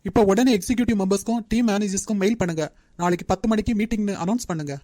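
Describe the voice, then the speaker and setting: A woman voicing a strict young male company manager in a cartoon, who talks in a brisk, lecturing way. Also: mid-range voice, dark tone, dry recording, clean studio sound, lightly acted. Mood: stern scolding. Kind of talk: Tamil cartoon dub.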